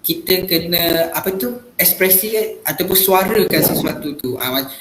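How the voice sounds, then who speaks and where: A man's voice: high voice, normal speed, fairly bright tone, echoey room, a little hiss or hum, rough recording. A man playing a teacher, explaining patiently with lots of filler sounds. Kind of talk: classroom role-play lesson.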